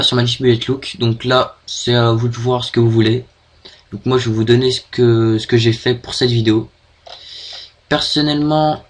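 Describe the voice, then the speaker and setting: A young man with a French accent explains editing steps in a screen-recorded tutorial, pausing and restarting often. His voice sits at an ordinary pitch. A light background hiss runs under the desk-mic recording. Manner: hesitant, many fillers and restarts. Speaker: video tutorial maker.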